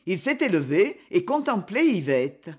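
A woman narrating a storybook with an expressive, unhurried delivery. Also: medium pitch, husky. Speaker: audiobook narrator. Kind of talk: storybook reading.

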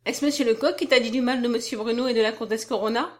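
A woman's voice: on the high side, fairly even intonation, fast talker, natural voice. Woman voicing an anxious, flustered young woman. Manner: raised, anxious, indignant. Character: young woman, earnest, easily startled and flustered. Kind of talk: audiobook character voice.

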